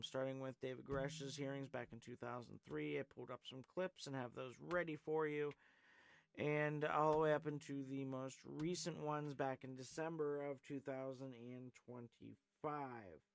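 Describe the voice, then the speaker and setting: This man hosts a casual live call-in stream, wandering from point to point with plenty of filler words as he reads the chat aloud. He speaks at normal speed in a medium pitch, steady in tone and creaky in texture.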